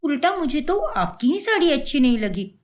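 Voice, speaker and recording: A woman's voice: high-pitched, big pitch swings, moderate pace. A woman voicing a talkative, defiant young daughter-in-law in a cartoon, answering back in a pert way. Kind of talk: Hindi cartoon voice acting.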